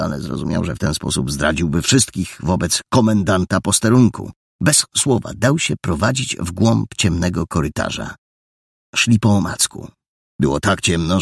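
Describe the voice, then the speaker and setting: A man narrating a children's adventure story in an expressive, dramatic reading. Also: deep voice, gravelly, husky, no room sound, studio quality. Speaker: audiobook narrator.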